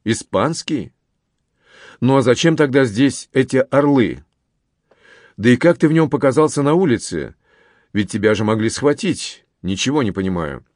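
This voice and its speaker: A man voicing a kindly, excitable older male lawyer who mutters and exclaims, in an audiobook reading. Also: mid-range voice, moderate pace, pauses often, no room sound, studio quality, natural voice. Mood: alarmed.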